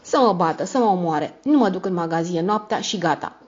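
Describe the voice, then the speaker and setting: A woman's voice: on the low side, expressive, darkish tone, lightly acted. A woman reading an audiobook voices a frightened, stubborn young boy with raised, pleading lines. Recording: dull lo-fi audio.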